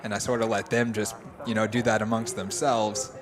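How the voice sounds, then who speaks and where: A young man commentating a live poker stream in a relaxed, analytical way. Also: fairly low pitch, a little fast, music in the background. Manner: easygoing, analytical. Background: crowd chatter of a poker room.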